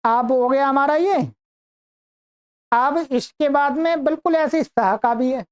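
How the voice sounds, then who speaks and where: Woman teacher, high voice, very slow, chanting word forms for a class to repeat. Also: darkish tone, dull audio. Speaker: Sanskrit teacher. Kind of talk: reciting verb conjugations in a lesson.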